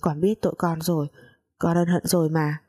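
A woman's voice: low-pitched, level tone, moderate pace, darkish tone, slightly rough. A woman voicing a young female maid who begs tearfully in a spoken story. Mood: pleading. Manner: begging, tearful.

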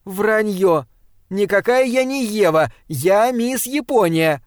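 A capricious young beauty queen, as a male reader puts her on, pert and mocking. The voice sits up high and is recorded dry and close, with no room sound. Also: lively intonation, takes it slowly, dry recording.

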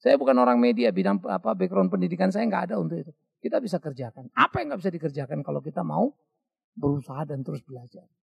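A middle-aged male pastor, preaching a sermon in a lively storytelling way, mimicking voices and laughing at his own stories. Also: on the high side, quick pace, gravelly, husky, highs cut off.

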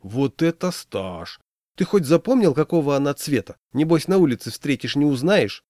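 A man's voice: fairly high pitch, big pitch swings, normal speed, a little mellow, no room sound, clean studio sound, voice pushed up. A man voicing a sarcastic, grumbling friend who drawls his gloomy warnings in a humorous story. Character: grumpy skeptical man, gloomy joker.

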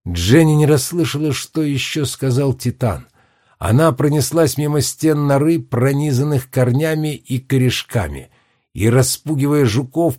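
A man reading a storybook aloud in an ordinary mid-range voice. His delivery is expressive, sinking low and slow when the tale turns menacing. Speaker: narrator. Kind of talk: audiobook narration.

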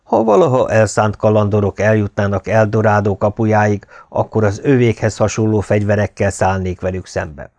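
A man voicing a stately young Inca ruler in an audiobook, speaking in a measured, formal way. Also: lowish voice, darkish tone, close to an everyday voice. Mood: solemn. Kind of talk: audiobook character reading.

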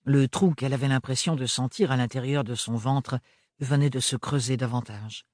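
A man narrating a novel in a measured, even reading voice. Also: medium pitch, dry recording, clean studio sound. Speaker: audiobook narrator. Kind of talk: scripted narration.

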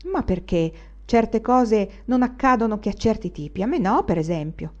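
A woman's voice: fairly high pitch, lively intonation, normal speed, lo-fi sound. A woman reading the part of a touchy, brooding young male student who speaks with indignant vehemence.

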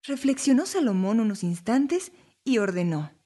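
A woman narrating Bible stories for families in a clear, even storybook reading. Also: fairly high pitch, normal speed.

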